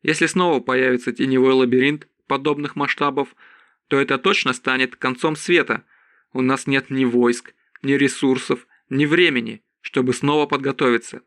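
A man reading aloud and voicing a serious male mage in a measured tone. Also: medium pitch, steady tone, a bit bright, dry recording, clean studio sound, close to an everyday voice. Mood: grave. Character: grave male mage, scholarly and calm.

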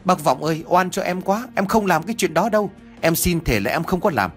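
Casting: terrified villager voiced by a man, tearful, begging, raised pitch. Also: expressive, fairly quick, faint music behind, natural voice. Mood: pleading. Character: frightened village man pleading innocence.

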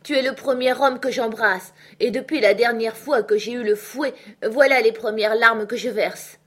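A woman's voice: fairly high pitch, moderate pace, close to an everyday voice. A woman voicing a proud, stubborn young uncle held in jail, in an emphatic, protesting manner. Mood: moved.

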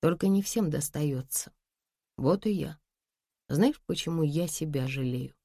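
A woman's voice: deep voice, a little slow, warm tone, dry recording, clean studio sound. A woman reading the part of a tired middle-aged woman with a wry, weary way of talking, in an audiobook. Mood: bitter. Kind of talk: audiobook dialogue.

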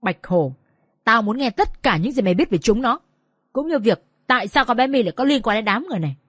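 A gruff, violent gang boss who growls his threats low and hard, as a woman narrator puts him on. The storybook delivery sounds dry and close. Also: lively intonation, brisk, no echo. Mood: menacing. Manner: menacing, growling.

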